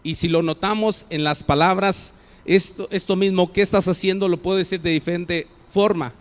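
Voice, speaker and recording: A man's voice: high voice, fairly even intonation, moderate pace, in a large hall. A man with a Mexican Spanish accent, preaching a sermon as pastor and acting out example phrases with changing tones. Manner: acts out example phrases with shifting tone. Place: church hall.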